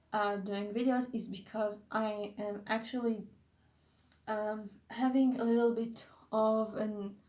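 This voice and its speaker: A young woman YouTuber who isn't a native English speaker chats in a casual vlog, sounding hesitant and often losing her train of thought. Her voice is medium-pitched and darkish, heard in an echoey room.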